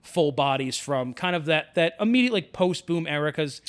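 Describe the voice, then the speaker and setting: A man's voice: on the high side, normal speed, clean tone. Chatty man hosting a podcast. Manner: relaxed, chatty, many fillers and restarts. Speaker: podcast host. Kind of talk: casual conversation.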